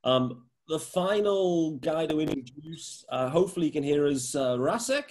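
Enthusiastic podcast host, a man from the UK, slightly raised pitch, chatty. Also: expressive, normal speed, darkish tone. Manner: upbeat, enthusiastic interviewer. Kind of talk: casual podcast chat.

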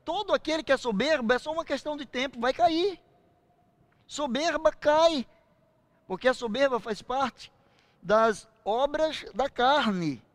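High-voiced older preacher. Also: male voice, dry recording. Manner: emphatic preaching, slows and swells on key phrases. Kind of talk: sermon.

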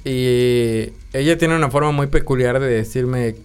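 A man's voice: mid-range voice, measured pace, clear, resonant tone. A man with a Mexican accent, hosting a podcast and telling a story in slangy casual chat. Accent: Mexican Spanish. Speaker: podcast host. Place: home studio.

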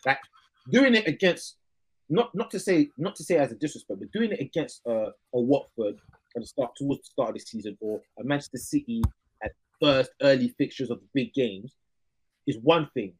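A man's voice: medium pitch, animated, a little fast, breathy edge, rough recording. A young man with a London accent hosting a casual football discussion, slangy and repeating himself for emphasis. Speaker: podcast host.

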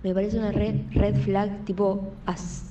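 A woman's voice: mid-range voice, level tone, a little slow, dark tone, a little hiss or hum. A woman with a Rioplatense Argentine accent, sending a chatty voice message to the show. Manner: chatty, descriptive. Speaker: caller. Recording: dull distant voice message.

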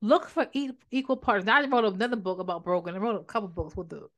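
A woman hosts her own podcast and speaks fast in a lively, unscripted faith talk. She often doubles back on her words and restarts phrases. Her pitch sits in the middle range for a woman. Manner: fast-talking, animated, repeats and restarts phrases. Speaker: podcast host and author. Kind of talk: faith-based motivational talk.

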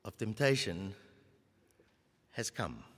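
A man preaching a sermon, animated, with many rhetorical questions to the congregation. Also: fairly low pitch, slow pace, breathy edge, long reverb tail.

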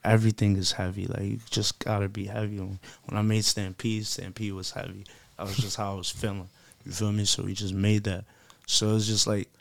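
Fairly low-pitched with vocal fry and no room sound, a man from the United States talks casually in slang as an interviewed musician. He's emphatic and self-assured, often repeating himself for weight.

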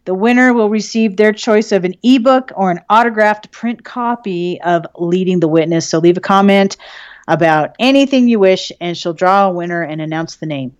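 A woman's voice: mid-range voice, moderate pace, clean tone, no echo. A woman co-hosting a podcast in casual chat, swearing freely and laughing often. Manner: profane, laughing, chatty. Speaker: podcast co-host.

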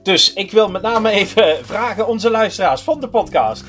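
A man with a Limburgish Dutch accent co-hosting a podcast, chatting casually and thinking aloud in a halting way. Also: high-pitched, animated, fairly bright tone, faint music behind. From Limburg, Netherlands. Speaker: podcast host. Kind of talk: casual chat.

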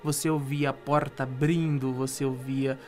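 A young man with a Brazilian Portuguese accent, a guest telling a ghost story in a casual, halting way, with frequent restarts. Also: mid-range voice, level tone, darkish tone. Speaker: interview guest.

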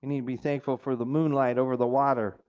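A man's voice: mid-range voice, flat delivery, fast talker, darkish tone, smooth. Conversational middle-aged male preacher. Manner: conversational preaching, mimics complainers in a raised whiny voice. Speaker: pastor. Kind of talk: sermon.

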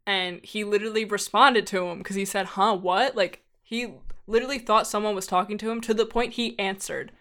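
A woman's voice: mid-range voice, fairly even intonation, fairly quick, few pauses, bright, forceful tone. A young woman chatting casually as a podcast guest, telling stories and filling her sentences with "like.". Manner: chatty, heavy use of "like" fillers. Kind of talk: casual chat, storytelling.

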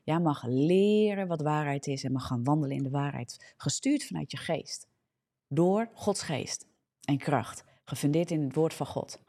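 A woman with a Dutch accent preaches a live social media sermon during a morning broadcast, her low, mellow voice full of lively intonation at a slightly slow pace. She's fervent, frequently checks in with "ja?", and restarts and corrects herself.

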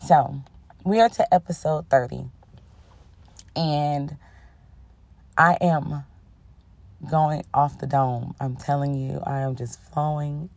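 A woman's voice: sits low, steady tone, takes it slowly, long pauses, dry recording. A young woman hosting a casual spiritual podcast, a little under the weather, affirming and chatty, often checking in with "okay?". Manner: warm-toned, affirming, sprinkles in "okay?" and "honey". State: under the weather, voice a bit rough. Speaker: podcast host.

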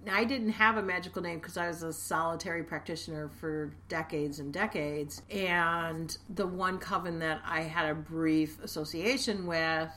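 A woman's voice: low voice, steady tone, moderate pace, hardly any pauses, a bit bright, slight background noise. A middle-aged woman co-hosting a podcast, explaining steadily and laughing easily in casual chat. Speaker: podcast co-host.

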